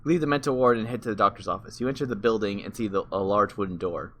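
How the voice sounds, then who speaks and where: A man's voice: fairly low pitch, fast talker, a bit bright. A man reading a text adventure game aloud, breaking off for wry comments and correcting himself as he goes.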